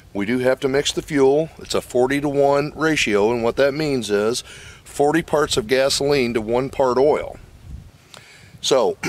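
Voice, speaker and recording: An older man hosting his channel, casually explaining and demonstrating a chainsaw in a wooded lot, folksy and plain with fillers, recorded by a camera mic. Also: medium pitch. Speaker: channel host reviewing a chainsaw.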